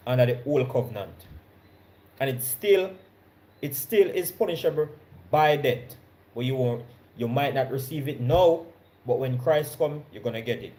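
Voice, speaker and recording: Jamaican male Bible teacher with a mid-range voice. He reads verses deliberately and talks them through casually. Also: mid-range voice, warm tone. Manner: reads scripture slowly, stressing key words; conversational, checks in with listeners. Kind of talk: Bible study sermon.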